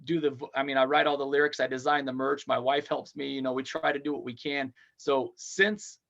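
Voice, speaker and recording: A touring band frontman in his forties chats as a podcast guest in a casual interview, upbeat and rambling, talking fast in long runs. His mid-range voice is gravelly and fairly bright, with little pitch movement, and the sound is lo-fi.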